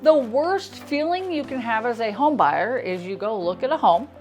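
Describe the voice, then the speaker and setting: A woman's voice: a little high, lively intonation, moderate pace, darkish tone, soft background music. An American woman with a lisp and whistling s sounds, presenting a scripted explainer to camera as a realtor and host.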